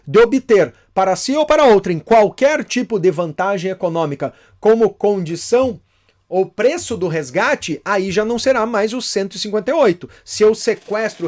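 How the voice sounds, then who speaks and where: A man with a high voice teaches a law class to the camera. He repeats key terms for emphasis and keeps checking in with his students. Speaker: law professor. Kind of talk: online law lecture.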